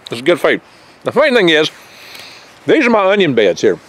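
Speaking briskly, this older foraging-channel host has a fairly high, slightly bright voice with enormous pitch swings. He chats in a rambling, folksy manner full of little jokes and stumbles while vlogging in his garden among pine trees, recorded on a close-held handheld camera mic.

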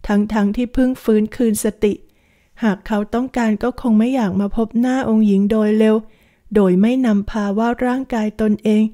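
Solemn, loyal male servant in an audiobook, slightly high and mellow, read by a woman. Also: fairly even intonation, moderate pace, close to an everyday voice. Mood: resolute.

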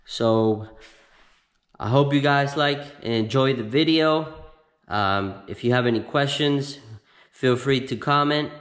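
A man in his thirties hosting a casual how-to video in a home garage, explaining each step slowly with plenty of ums and restarts. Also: medium pitch, a bit bright. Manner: slow, halting step-by-step explaining with many fillers. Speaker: host of a how-to channel. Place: home garage with door open.

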